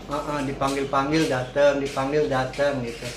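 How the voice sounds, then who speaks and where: In an informal interview, the owner of a cat boarding and grooming business speaks with a mid-range, flat voice at ordinary speed, frequently repeating himself and affirming. Clear background noise and an echoey room surround the recording.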